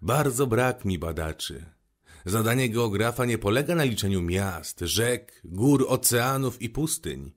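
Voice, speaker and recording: A man's voice: fairly low pitch, lively intonation. A man doing a pompous old geographer. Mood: lecturing. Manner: slow, self-important lecturing.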